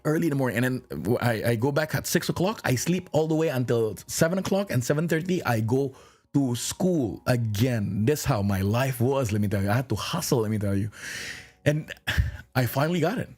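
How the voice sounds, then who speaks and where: Husky man telling a motivational story. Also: medium pitch, a little mellow. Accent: Indonesian. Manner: earnest, switching between English and Indonesian. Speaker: vlogger.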